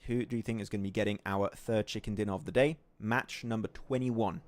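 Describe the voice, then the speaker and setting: A man co-hosting a live esports watch party, commentating with energetic outbursts and frequent laughs. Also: on the low side, fairly quick, no room sound.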